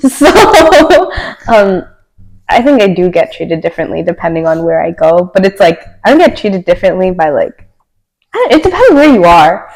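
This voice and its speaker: A young Canadian woman guesting on a podcast talks casually in a Canadian accent, chatty and packed with "like"s, laughing often. Her voice is on the low side and sing-song, at a moderate pace with a darkish tone, on a low-quality recording.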